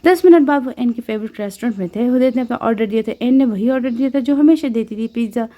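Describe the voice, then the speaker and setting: Woman audiobook narrator, calm storytelling, slightly high pitch, mellow tone. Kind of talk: scripted romance novel narration.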